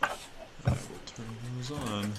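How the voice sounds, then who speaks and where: A man's voice: lowish voice, takes it slowly, very noisy. A man playing a tabletop game, thinking aloud hesitantly with fillers. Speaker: player.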